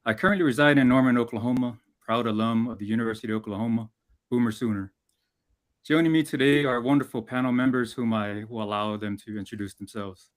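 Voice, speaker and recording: A man from American Samoa hosts an online community panel on a video call, speaking in a formal, measured way. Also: mid-range voice, steady tone. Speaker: host.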